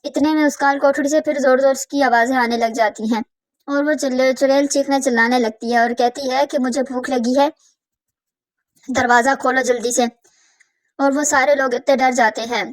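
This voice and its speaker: A woman narrating a scripted cartoon horror story in a plain, steady telling. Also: sits high.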